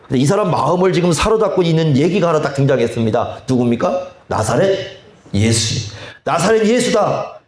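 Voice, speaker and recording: A male pastor preaching a sermon, slow and deliberate, often asking the congregation rhetorical questions. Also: a little high, darkish tone. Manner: slow, deliberate delivery with drawn-out phrases. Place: church sanctuary. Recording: echoey church hall.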